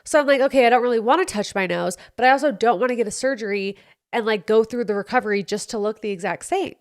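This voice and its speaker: On her solo podcast, a young woman talks quickly in a slightly high voice, playfully and candidly recapping her week. She's recorded with a studio mic, and her voice has a bit of congestion.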